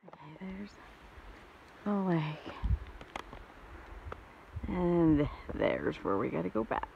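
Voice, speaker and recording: A woman chatting excitedly as she films a mountain hike on her phone outdoors. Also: fairly low pitch, slow pace, vocal fry, highs cut off, background noise. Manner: excited, chatty, easily startled. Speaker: vlogger filming a hike. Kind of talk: casual chat while hiking. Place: outdoors on snowy mountain trail. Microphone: handheld phone camera.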